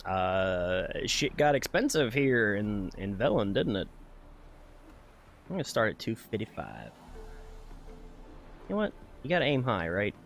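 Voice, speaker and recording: A man's voice: fairly low pitch, very animated, a little slow, creaky, pauses often, a little hiss or hum. A man streaming a video game, joking, swearing and reading game text aloud. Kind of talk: gaming livestream commentary. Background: faint game music.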